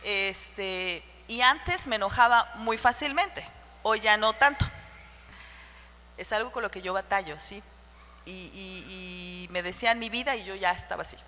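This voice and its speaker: A woman preaching a sermon to the women of her church, with a shrill voice, sharing personal stories and asking the listeners rhetorical questions. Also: measured pace, sharp tone. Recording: church hall reverb with faint hum.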